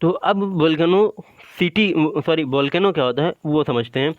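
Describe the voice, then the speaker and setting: A man's voice: a little high, moderate pace, no echo, muffled recording. A male teacher giving an exam-prep lecture, drilling terms with repeated questions and answers and saying "ठीक है" after almost every point while he explains a drawing step by step.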